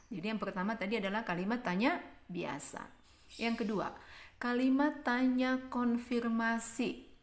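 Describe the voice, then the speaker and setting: A woman teaching a primary school class in a recorded remote lesson, explaining slowly and repeating points for the children. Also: mid-range voice. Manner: slow, repetitive explanations addressed to children. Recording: echoey room.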